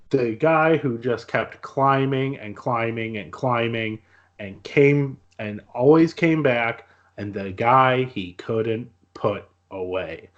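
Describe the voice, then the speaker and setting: Man, podcast co-host, unhurried, earnest, casual chat, dull lo-fi recording. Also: medium pitch. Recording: dull lo-fi audio.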